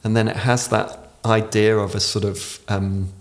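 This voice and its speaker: A man's voice: on the low side, flat delivery, moderate pace. A man in his forties who pronounces r as w, explaining reflectively in conversation as a podcast guest. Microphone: podcast microphone on desk stand.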